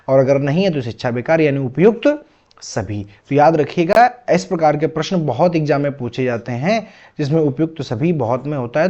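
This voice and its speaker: A man teaching an exam-prep class, his voice sitting a little high for a man. He keeps asking questions and then answering them himself, patiently walking through each point. The recording sounds dull and lo-fi. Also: a little mellow.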